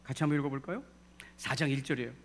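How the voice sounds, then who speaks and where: A man's voice: medium pitch, rapid-fire, a little hiss or hum. A man, a pastor, preaching a sermon in a church, acting out the voices he quotes and calling on the congregation to answer. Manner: animated preaching that acts out quoted voices and leads the congregation in responses. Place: church sanctuary.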